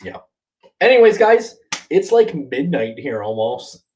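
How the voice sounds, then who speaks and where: Young Canadian male co-host, higher voice with lots of pitch swing, insistent casual banter. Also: big pitch swings, measured pace, a little mellow, a little hiss or hum, rough recording. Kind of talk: casual live-stream chat.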